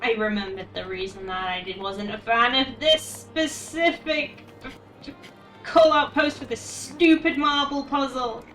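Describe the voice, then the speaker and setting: A woman's voice: on the high side, fairly even intonation, measured pace, fairly bright tone. A woman streaming a video game, chatting casually and thinking aloud as she plays. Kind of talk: casual chat while gaming. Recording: echoey room, distant from the mic. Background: game music.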